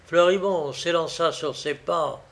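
A man narrating a novel as an audiobook, with a measured, dramatic reading. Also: a little high, gravelly.

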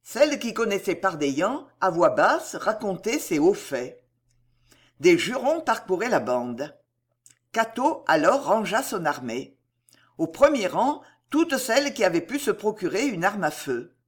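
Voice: mid-range voice, very animated, measured pace, slightly rough. An audiobook narrator reading a historical adventure novel aloud in a dramatic, vivid storytelling manner.

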